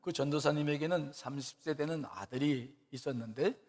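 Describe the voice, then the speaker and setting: Male pastor, fairly high voice, chatty sermon storytelling, long hall echo. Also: moderate pace, darkish tone. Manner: colloquial storytelling with rhetorical questions. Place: church sanctuary. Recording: long church-hall reverb.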